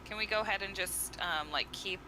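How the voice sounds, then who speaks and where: A woman's voice: mid-range voice, brisk, background noise. A woman playing a tabletop game and chatting casually. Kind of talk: casual chat.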